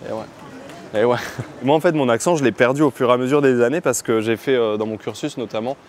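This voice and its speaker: Brief: young streamer from Avignon, chatty and joking, walking tour outdoors, faint street noise. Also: male voice, medium pitch, brisk. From Avignon, France. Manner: chatty, joking, slangy, lively. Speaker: streamer giving a city tour. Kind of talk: casual walking tour chat.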